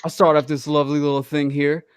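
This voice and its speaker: A man's voice: a little high, level tone, fast, smooth, no room sound, studio quality, faint music behind. A man hosting a casual football podcast, playful and joking with his co-hosts. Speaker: podcast host. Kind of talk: casual sports podcast chat.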